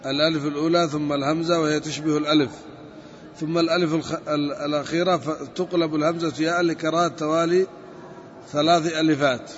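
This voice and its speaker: A man teaching a grammar lesson, explaining step by step and slowly repeating word forms. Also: a little high, fairly even intonation. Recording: dull lo-fi recording with long reverb.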